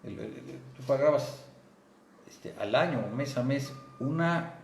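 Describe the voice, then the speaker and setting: A man's voice: medium pitch, measured pace, gravelly, roomy sound, slight background noise. A man with a Mexican Spanish accent hosting a studio interview, chatty, cutting in and repeating words. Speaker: news show host.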